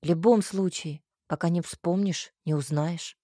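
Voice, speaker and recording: A woman reading an audiobook, voicing a blunt, sarcastic young man in a lowered, curt voice. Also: a little slow, dark tone, no room sound, studio quality. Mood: probing.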